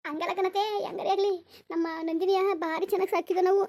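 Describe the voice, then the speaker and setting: A woman's voice: very high-pitched, little pitch movement, fast talker, dark tone, slight background noise. A woman voicing a tender, reassuring village mother in a cartoon, coaxing. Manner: soothing, coaxing, repeats endearments. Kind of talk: cartoon voice acting.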